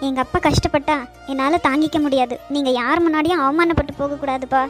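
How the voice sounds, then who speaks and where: A woman voicing a gentle, dutiful young woman in a cartoon, speaking softly and meekly. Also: high-pitched, fairly even intonation, fast, faint music behind, lightly acted. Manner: soft, meek.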